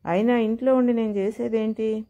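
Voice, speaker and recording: A woman voicing a frail, gentle old father-in-law who speaks weakly and tiredly. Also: fairly high pitch, fairly even intonation, normal speed, muffled recording, natural voice. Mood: weary. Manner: weak, soft and tired.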